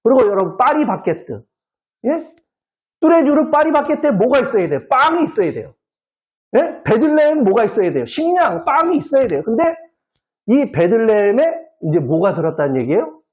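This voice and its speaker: In a church service, a male pastor preaches with a widely swinging pitch, teasing the pews with small jokes and playful wordplay. He constantly quizzes the congregation, prodding them for answers with a quick "eh?". The tone is lively and conversational, not solemn.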